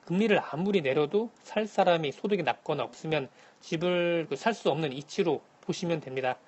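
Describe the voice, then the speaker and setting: A man calling in to a radio show as a correspondent, giving a formal, scripted economic briefing in a measured manner. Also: a little high, darkish tone, husky. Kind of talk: scripted news briefing, answering by phone. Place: phone link to a radio programme.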